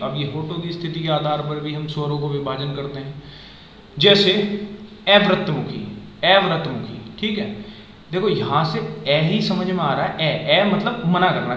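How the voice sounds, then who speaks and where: A man's voice: on the high side, a bit bright. A man teaching a grammar lesson who says each sound aloud as an example and keeps checking whether his students follow. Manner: checks understanding with repeated questions. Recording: echoey, dull lo-fi room sound.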